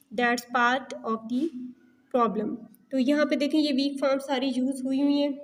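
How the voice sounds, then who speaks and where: A woman teacher explaining a textbook lesson, reading English sentences slowly and explaining them in Hindi. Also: high voice, a little mellow.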